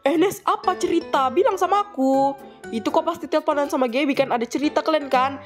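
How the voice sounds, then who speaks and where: A nosy teenage girl who pushes for gossip, speaking, voiced by a woman. Her voice is high, with faint music behind her. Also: fast, close to an everyday voice. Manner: nosy, pushy.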